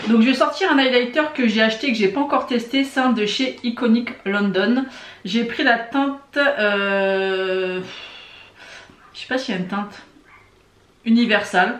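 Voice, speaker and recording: A woman chatting casually to her viewers while testing makeup, often pausing on little hesitations. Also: a little high, roomy sound. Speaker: beauty vlogger. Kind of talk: casual makeup tutorial chat.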